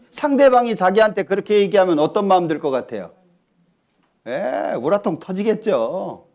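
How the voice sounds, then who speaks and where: A man preaching a sermon in church, lively and talkative, often asking the congregation questions. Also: high voice. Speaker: pastor. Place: church hall.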